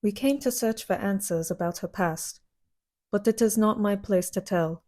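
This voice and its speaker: A woman's voice: medium pitch, normal speed, mellow, lightly acted. A woman playing a stern, fiery young woman warrior who speaks in blunt, clipped lines.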